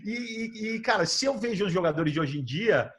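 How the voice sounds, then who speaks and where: An excitable Brazilian podcast host with a bright, high-pitched voice. He talks casually, laughs often and acts out the lines of the people in his stories. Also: brisk. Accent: Brazilian Portuguese. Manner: animated, laughing, acts out quotes. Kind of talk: casual storytelling chat.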